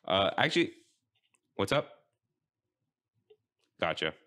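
Deep, slow-talking man hosting a podcast. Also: big pitch swings, sharp tone. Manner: rambling, halting with many fillers. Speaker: podcast host. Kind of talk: casual podcast chat.

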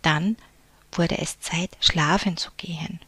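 A woman reading a picture book aloud to children in a soft, unvoiced whisper, as a whispered storybook reading. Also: on the low side, fairly even intonation, takes it slowly, husky, no echo.

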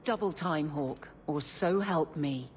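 An actress playing a brisk, commanding female guard captain who is awkward about romance, in a video game. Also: deep voice, breathy edge, full character voice. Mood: exasperated. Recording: game audio with faint ambient noise.

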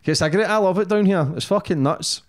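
A man's voice: high voice, fairly quick. A man in his thirties with a Glaswegian Scottish accent, interviewing casually in informal, sweary language as a podcast host. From Scotland. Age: 30s. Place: small office used as podcast room. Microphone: desk microphone on boom arm.

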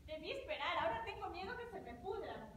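Woman acting Natalia, a shrill giddy young woman. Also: sing-song, full character voice. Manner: laughing, exclaiming, drawn-out words. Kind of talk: stage comedy acting. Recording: echoey hall with loud noise.

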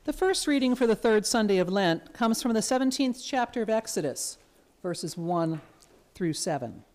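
A woman serving as lector, giving a formal scripture reading in a church in a measured, even way. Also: medium pitch.

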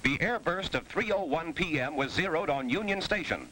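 An actor playing a grave, formal radio announcer giving a 1950s civil defense broadcast. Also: male voice, on the high side, animated, normal speed, sharp tone, poor audio. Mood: grave, urgent. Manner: grave, formal bulletin delivery. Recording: old 1950s film soundtrack, faint noise.

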